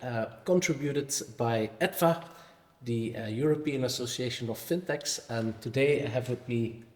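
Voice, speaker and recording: A man's voice: medium pitch, moderate pace. A Belgian man hosting a conference interview, asking questions in a friendly, chatty way. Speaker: interviewer, host. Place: conference venue, echoey hall. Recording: echoey conference hall.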